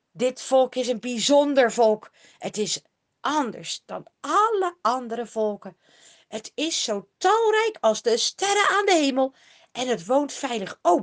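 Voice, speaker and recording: A solemn old soothsayer, voiced by a woman, proclaiming with earnest force. His raised, lively voice rises and swells as he declaims in a storybook telling. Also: sits high, heavily acted.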